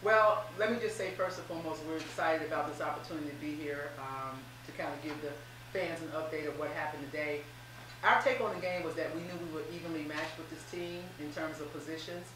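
A woman's voice: deep voice, fast. A middle-aged woman, a head basketball coach, speaking upbeat and emphatic in a post-game press interview at a table mic. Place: small room with posters, seated at a table. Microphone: table mic on a stand, voice picked up from off the mic. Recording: very echoey room, distant mic, faint hum.

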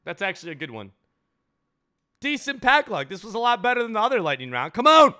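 A young man giving loud, excitable commentary while opening game packs, jumping between shouted hype and muttered swearing. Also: sits high, a little fast. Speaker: gaming YouTuber opening packs.

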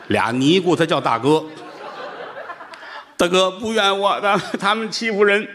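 A man playing a foolish, weeping male vegetable peddler who whines and sobs in a high voice. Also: takes it slowly, fairly bright tone, slight background noise. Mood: whiny. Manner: whining and sobbing in a high voice.

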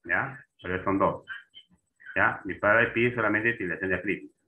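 A fairly low-pitched man with a sharp tone speaks at a moderate pace while teaching Spanish accent marks in an online class. He often checks in and asks students questions along the way. The sound is tinny, like an online call over a phone.

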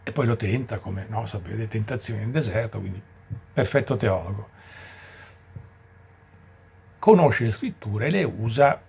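A man's voice: fairly low pitch, lively intonation, normal speed, vocal fry, darkish tone, breathy edge. A man giving a catechesis talk as a preacher, speaking conversationally with frequent rhetorical asides.

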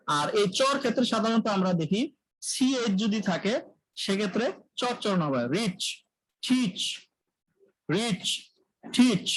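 A man teaching English pronunciation in a live online lecture, drilling sounds by repeating them and often clearing his throat. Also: high-pitched, low-quality recording. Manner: clears throat often, self-corrects mid-sentence.

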